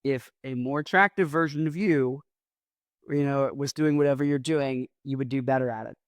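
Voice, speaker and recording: Speaking at a moderate pace in a mid-range voice, this podcast host rambles on alone in a relaxed, self-deprecating way, his words mumbled and his S sounds stretched. The recording is dry.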